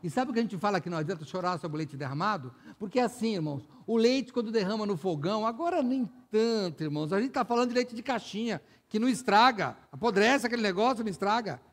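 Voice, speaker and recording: High-voiced Brazilian pastor preaching. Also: male voice, lively intonation, fast talker, hardly any pauses. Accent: Brazilian Portuguese. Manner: conversational preaching, frequent direct address to the congregation. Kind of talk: sermon.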